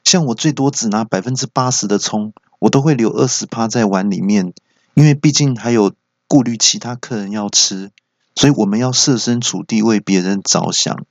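A man voicing a sly, unflappable male freeloader who talks in a smooth, mock-earnest way. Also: fairly low pitch, moderate pace, darkish tone, dry recording.

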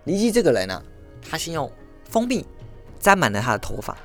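A woman tells a history story as a podcast host, her fairly low voice swinging widely in pitch. She is chatty and full of exclamations. Soft music plays faintly underneath. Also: a little fast. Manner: animated, exclamatory, chatty asides.

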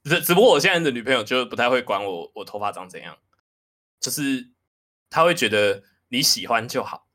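A man's voice: medium pitch, lively intonation, brisk, pushed and bright. A man, hosting a podcast in casual chat, talking candidly and self-deprecatingly. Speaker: podcast host.

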